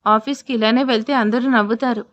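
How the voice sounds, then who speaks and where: A woman's voice: a little high, fairly even intonation, fairly quick, dull audio, close to an everyday voice. A woman voicing a playful young wife who teases lightly. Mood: teasing. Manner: teasing, light.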